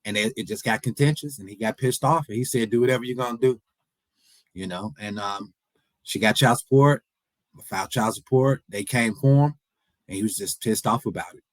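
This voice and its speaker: A man's voice: fairly low pitch, moderate pace, no room sound, rough recording. A man in his forties giving an earnest motivational speech, repeating his points and imploring the audience. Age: 40s. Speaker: motivational speaker. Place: event hall.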